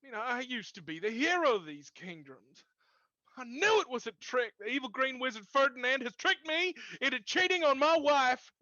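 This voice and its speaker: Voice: high voice, lively intonation, moderate pace, sharp tone, dry recording, highs cut off. A performer voicing a melodramatic, self-pitying ancient hero and jilted lover in role-play, overwrought and lamenting. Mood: mournful, dramatic.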